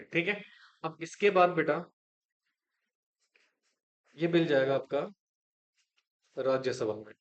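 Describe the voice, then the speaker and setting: A man's voice: on the high side, a little mellow. A male teacher giving a classroom lecture in Hindi, often asking students questions and repeating the answers himself. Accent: Indian English.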